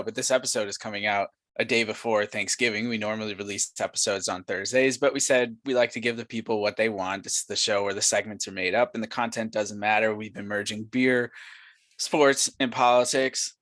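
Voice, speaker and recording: A man's voice: fairly low pitch, fairly even intonation, fairly quick, fairly bright tone, no echo. Easygoing male podcast co-host. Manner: loose, joking intros. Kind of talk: casual chat.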